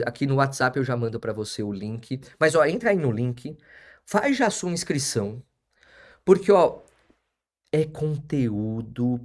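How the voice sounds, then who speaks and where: A man's voice: mid-range voice, darkish tone. A man, hosting a live stream as an auctioneer and lawyer, repeating his phrases for emphasis and chatting with viewers.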